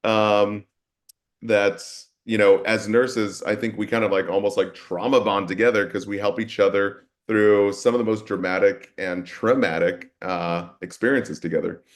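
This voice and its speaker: A man with a fairly low voice talks through a casual webinar as a nurse educator. He sounds easygoing, with plenty of fillers and loose restarts as he chats. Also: normal speed. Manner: relaxed, with many fillers.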